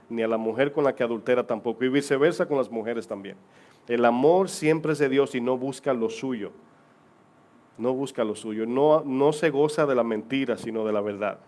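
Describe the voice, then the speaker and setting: A man's voice: mid-range voice, moderate pace, a little mellow. A married man preaching a sermon as pastor to his congregation, reading scripture aloud and asking rhetorical questions.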